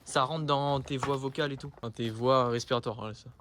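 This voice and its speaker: A man's voice: medium pitch, steady tone, brisk, a bit bright, a little hiss or hum. A young Frenchman chatting casually with friends on a night exploration vlog inside an abandoned house.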